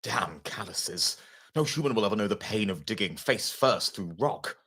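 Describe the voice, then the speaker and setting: A worn-out dragon monster rumbles deep and husky as a man puts him on. The voice is bitter and self-pitying, dropping very low, then lifting with a lively swing. A tabletop story read aloud. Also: moderate pace, exaggerated voice. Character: weary, bitter male Garchomp dragon monster. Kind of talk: reading a game epilogue aloud.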